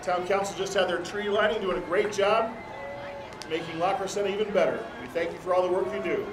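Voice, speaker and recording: A man's voice: high-pitched, fast talker, music in the background. An American man doing live parade commentary as co-host, with cheerful, folksy banter. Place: outdoors at a street parade. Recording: echoey outdoor PA, crowd and street noise.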